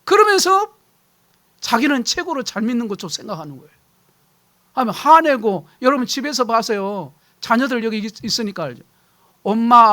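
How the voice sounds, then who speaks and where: A middle-aged man preaching a sermon as pastor, animated, acting out shouted household quarrels. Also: high-pitched.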